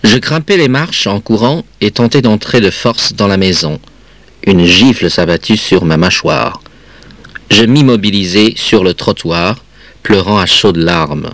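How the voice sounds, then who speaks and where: A man reading a children's story aloud in an expressive, measured way. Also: fairly low pitch, no room sound. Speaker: reader.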